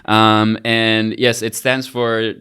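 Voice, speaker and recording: A young man from Costa Rica, a guest on a podcast, chatting in a relaxed, easygoing way. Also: fairly low pitch, slow, clean tone. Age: young adult. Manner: relaxed, easygoing, with frequent restarts. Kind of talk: casual conversation.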